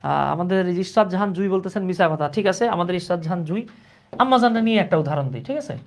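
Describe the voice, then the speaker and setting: A man's voice: sits high, expressive, quick pace, creaky. Joking Bangladeshi English tutor, man. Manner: playful, colloquial, jokes with viewers. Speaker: English teacher. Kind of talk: online grammar lesson.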